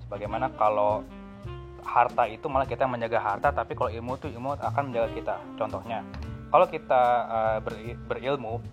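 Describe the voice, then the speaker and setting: A man's voice: medium pitch, steady tone, brisk. A man giving casual, explanatory advice as a channel co-host, using simple everyday examples. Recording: music behind the voice. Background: clear background music.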